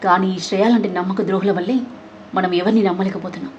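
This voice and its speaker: A woman's voice: medium pitch, steady tone, fast talker, darkish tone, highs cut off, a little hiss or hum, natural voice. A woman voicing a furious young woman who scolds a traitor sharply and sarcastically. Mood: angry.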